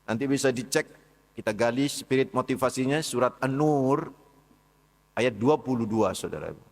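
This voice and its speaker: Preacher in a reverberant hall. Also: male voice, mid-range voice, normal speed, gravelly. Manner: conversational, addresses listeners as "Pak" and "saudara" often. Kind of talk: mosque dawn study lecture. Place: large mosque hall.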